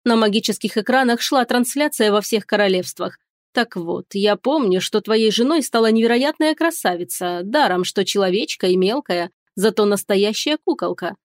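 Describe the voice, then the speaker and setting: A woman voicing a proud, scornful harpy queen in an audiobook, drawn-out and hissing. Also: medium pitch, animated, no room sound, clean studio sound, lightly acted. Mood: suspicious. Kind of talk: audiobook character reading.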